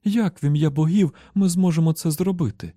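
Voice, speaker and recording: A man voicing a frightened village mother, raising his voice into a high, pleading tone. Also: extremely slow, warm tone, no echo, studio quality. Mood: desperate.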